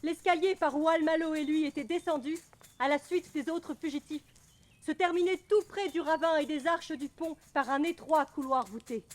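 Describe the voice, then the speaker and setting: Woman narrating in measured stage tones. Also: sits high. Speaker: narrator and actor. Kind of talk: theatrical narration on an outdoor stage. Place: outdoors.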